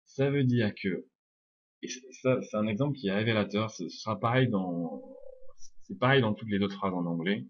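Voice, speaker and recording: Young male French native, low husky voice, patient step-by-step pronunciation teacher, dull lo-fi recording. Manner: explains step by step, repeats sounds slowly. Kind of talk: video lesson answering viewer questions. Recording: dull lo-fi sound.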